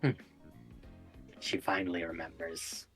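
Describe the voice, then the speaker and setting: A man voicing an imposing, disdainful shadowy sister in a tabletop game, speaking with quiet, condescending menace. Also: low-pitched, little pitch movement, a little slow, soft background music, pitched below the performer's own voice. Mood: cold disdain.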